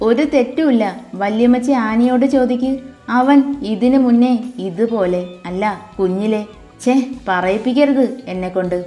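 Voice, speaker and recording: A woman's voice: a little high, normal speed, natural voice. A woman voicing a protective, hot-tempered young man who answers firmly. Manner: firm, defiant. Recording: echoey room with soft music.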